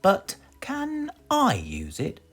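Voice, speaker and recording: A man's voice: high-pitched, huge pitch swings, slow, fairly bright tone, soft background music, voice pushed up, heavily acted. A British man voicing a very strong, modest and cheerful man in a children's storybook. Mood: purposeful.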